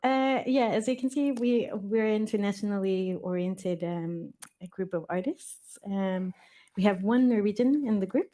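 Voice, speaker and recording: A woman's voice: medium pitch, unhurried, mellow. A woman from Mexico, an artistic researcher talking casually on a panel, hesitant with frequent fillers.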